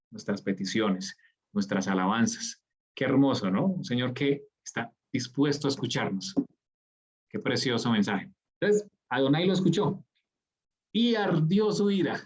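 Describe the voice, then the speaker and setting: A man leading a Bible study, teaching in an earnest, preacher-like way with frequent hesitations. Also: medium pitch. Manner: earnest, preacher-like, with many "eh" fillers.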